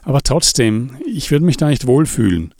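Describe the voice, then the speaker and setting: A man's voice: mid-range voice, very animated, moderate pace, gravelly, a little mellow, dry recording, studio quality. A man reading an audiobook, voicing an easygoing, somewhat hesitant adult man. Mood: mild.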